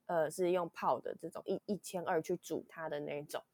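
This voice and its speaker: A woman's voice: deep voice, fairly even intonation, fairly quick, a little mellow, no room sound. A young woman with a Taiwanese Mandarin accent, a podcast host, tells a rambling story in a weak voice from illness, full of restarts. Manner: rambling, with many restarts, acting out quotes. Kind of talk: casual chat storytelling.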